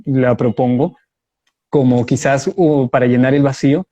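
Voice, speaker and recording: A man speaks with a warm, medium-pitched voice and fairly even intonation as a guest in a live online debate over video call. He responds in a measured way, explaining his view step by step and backing it with examples.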